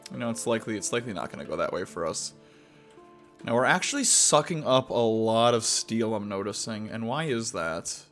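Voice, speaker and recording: A young man giving casual gameplay commentary, rambling and halting with many fillers and restarts. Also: lowish voice. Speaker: gaming video host.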